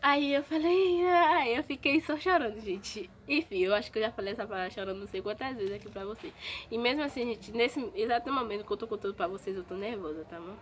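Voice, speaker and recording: A woman's voice: a little high, fast talker. A woman vlogger in a casual storytime video, chatting straight to her viewers and repeating herself as she talks.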